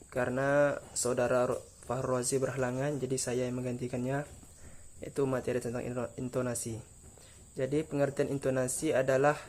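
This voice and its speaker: A young man giving a classroom presentation, halting and correcting small slips. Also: medium pitch. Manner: flat, halting delivery with slips. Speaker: student presenter.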